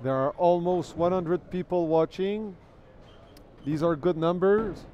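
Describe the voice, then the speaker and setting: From a bowling alley, an unhurried, high-voiced man whose native language is French gives live event commentary, sounding lo-fi with slight background noise. In a chatty manner he thanks viewers and repeats words as he thinks things over.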